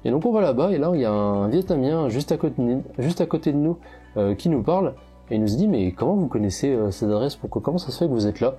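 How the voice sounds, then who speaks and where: A man's voice: medium pitch, lively intonation, quick pace, mellow, husky, faint music behind. A young French man with a French accent, casually telling travel stories with lots of fillers and restarts. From France. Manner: chatty, many fillers and restarts. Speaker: travel photographer vlogger.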